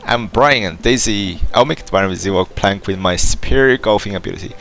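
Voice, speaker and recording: A man's voice: on the low side, a little fast, a bit bright. A man playing a dating game, casually reading its text aloud and stumbling over words now and then. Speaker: let's play gamer.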